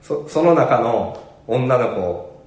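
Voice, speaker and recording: Lively Kansai man telling stories. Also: mid-range voice, slow pace, roomy sound. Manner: storytelling, animated, laughs often. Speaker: podcast co-host. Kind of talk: casual chat.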